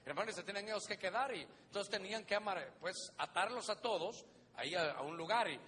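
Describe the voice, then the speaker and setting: A pastor delivers an emphatic sermon with a high, lively voice. His tone is bright and forceful, and the live church recording carries a long reverb over a faint hum. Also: a little fast. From Honduras. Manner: emphatic preaching, often says "hermano", acts out voices in stories. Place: church hall.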